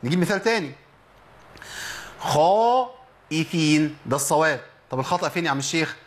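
A man's voice: on the high side, a bit bright. Egyptian man teaching Quran recitation. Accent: Egyptian Arabic. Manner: explains patiently, drawing out example words slowly. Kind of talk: tajweed lesson on a program.

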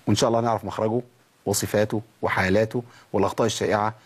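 A man with an Egyptian accent teaching a tajweed lesson, explaining errors in a conversational way and then reciting verse examples slowly and carefully. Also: on the low side, steady tone, slightly rough. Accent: Egyptian Arabic. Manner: urges listeners directly, conversational.

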